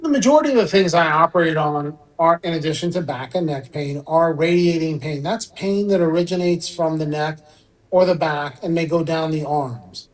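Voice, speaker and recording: Speaking at a normal speed in a somewhat high voice, a middle-aged surgeon born in Iran gives relaxed explanations as a radio interview guest, now and then using a filler. The recording is rough.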